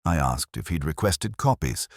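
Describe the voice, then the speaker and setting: An audio drama narrator with an extremely deep voice reads a literary detective story, brooding and measured, in deliberate short phrases with expressive swings in pitch. The sound is close and dry, with no room sound.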